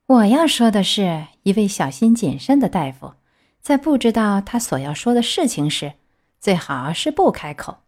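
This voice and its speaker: A woman's voice: mid-range voice, very animated, moderate pace, darkish tone. Woman voicing a stern talking cricket. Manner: stern, scolding.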